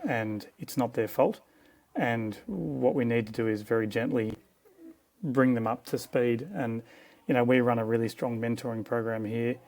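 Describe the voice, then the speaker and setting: Gravelly middle-aged Australian man, frank. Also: medium pitch, moderate pace, a little mellow. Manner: frank, reflective, opinionated. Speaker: guest osteopath and clinic co-director. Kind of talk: conversational interview answers.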